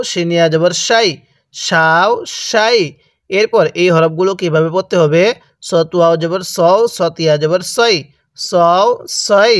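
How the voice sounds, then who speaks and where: A man with a Bangladeshi Bengali accent teaching Quran reading, drilling letter sounds slowly and asking the listener to repeat after him. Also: a little high, no room sound, studio quality. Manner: repetitive call-and-response drilling, prompting the viewer to repeat. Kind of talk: slow drill-style recitation lesson.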